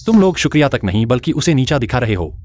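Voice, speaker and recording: A man's voice: medium pitch, sing-song, fast, a little mellow, slight background noise, natural voice. A man voicing a devoted young male clan heir in a dubbed short drama, earnest and protective. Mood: indignant.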